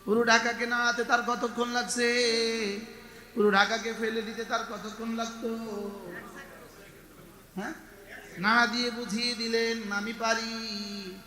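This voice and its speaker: Long pauses mark this Islamic sermon from a male preacher whose very high voice sounds pushed and bright, delivered flatly and without hurry. He chants Arabic verses and calls out questions to the congregation, his words echoing through a hall with long reverb.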